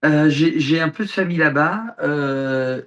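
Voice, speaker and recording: A man's voice: a little high, a little slow, fairly bright tone, highs cut off. A man from France, an actor and author, talking at length as a guest in a casual interview over a video call. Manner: expansive, talks at length.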